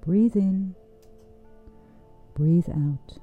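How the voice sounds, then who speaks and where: A woman leading a guided breathing meditation in a soft, soothing, unhurried voice with long pauses. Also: on the low side. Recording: dull, muffled sound with music underneath. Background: music.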